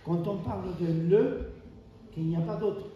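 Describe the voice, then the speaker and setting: This high-pitched man from Argentina, a native Spanish speaker with an Argentine accent, delivers an emphatic sermon at a measured pace, full of repeated key phrases and rhetorical questions. The audio is dull with a little hiss or hum. He was recorded in an echoey church hall with the mic far away.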